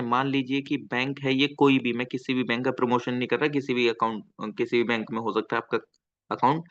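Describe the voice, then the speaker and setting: A man's voice: mid-range voice, fairly bright tone. Male teacher lecturing a class. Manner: asks students questions, coaxing and repetitive. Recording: slightly dull lo-fi sound.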